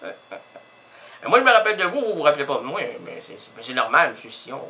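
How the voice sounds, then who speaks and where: A man's voice: on the high side, big pitch swings, fast talker, bright, forceful tone. A middle-aged man with a Québécois accent, hosting a radio show and joking through a one-sided phone call, playful and self-mocking with many fillers and puns. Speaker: radio host. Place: radio studio.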